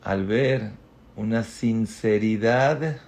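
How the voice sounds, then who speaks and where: A man telling a moving story in a sermon, swinging between loud outbursts and hushed tones. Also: on the low side, extremely slow, vocal fry. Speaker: religious teacher.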